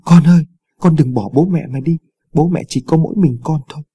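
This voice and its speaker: A man's voice: a little high, fairly quick, dark tone, husky, no echo, pitched above the performer's own voice. A man voicing a grief-stricken mother in a ghost story, raising his voice into a wail. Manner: wailing, pleading. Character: middle-aged woman, a wailing mother. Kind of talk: storytelling voice acting.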